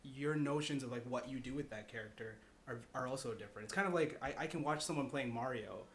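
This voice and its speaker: A man appears as a podcast guest, chatting casually and explaining his ideas in a rambling, conversational way. He talks fast in a mid-range voice. The recording is clear, with background noise.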